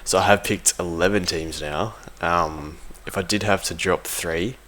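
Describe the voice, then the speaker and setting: He speaks in a low, unhurried voice that's a bit bright. A competitive gaming team member, he gives an audio log of casual, unscripted commentary, hesitant and informal, often correcting himself.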